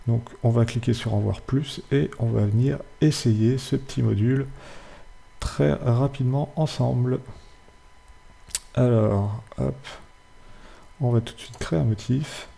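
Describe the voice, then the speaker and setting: Gravelly, dark-voiced man explaining software. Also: medium pitch, measured pace. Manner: casual, many hesitations. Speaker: tutorial host. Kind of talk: screen-recorded software tutorial.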